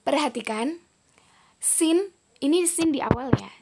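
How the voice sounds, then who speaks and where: A woman's voice: high-pitched, lively intonation, unhurried, background noise. A woman teaching a recorded online lesson, patiently modeling pronunciation and saying each word twice. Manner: patient, explanatory, addressing students as friends. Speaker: Arabic teacher.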